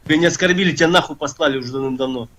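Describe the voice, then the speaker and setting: Man, slightly high voice, rapid, dismissive and foul-mouthed, game voice chat. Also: a crowd in the background. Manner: rude, dismissive, swears a lot. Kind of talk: heated banter in game voice chat.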